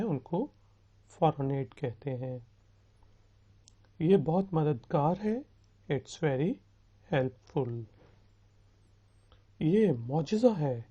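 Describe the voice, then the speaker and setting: A man teaching a recorded beginners' language lesson. He patiently drills phrases slowly and asks learners to repeat after him. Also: fairly high pitch, dark tone. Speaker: spoken English teacher. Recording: dull, lo-fi recording.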